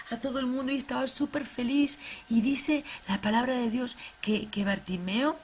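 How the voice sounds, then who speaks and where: A woman presenting children's ministry, telling a Bible story to a puppet in a lively, halting way. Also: on the high side, slight background noise. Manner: animated storytelling, many restarts.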